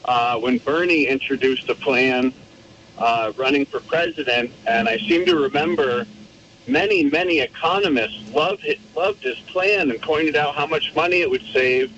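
A man's voice: medium pitch, fairly bright tone. Man caller on a clipped phone line. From Vermont. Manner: hesitant, halting with many pauses. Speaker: radio call-in caller. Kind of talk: casual call-in question. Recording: muffled phone line, faint hiss.

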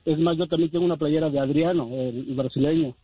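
A man rambles on the phone as he explains himself to radio hosts. His slightly high voice is husky and dry, squeezed through a phone line. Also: steady tone, fast talker, dry recording. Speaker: caller. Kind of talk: phone-in chat.

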